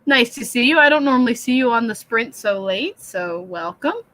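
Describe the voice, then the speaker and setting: A woman hosting a late-night writing livestream from a home computer, chatting in a low, soothing voice, rambling and self-deprecating as she reads out the chat. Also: animated, normal speed, dry recording, poor audio. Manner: speaks low and soft, said to sound soothing. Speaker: livestream host of a writing session. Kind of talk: casual live-stream chat. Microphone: computer webcam mic.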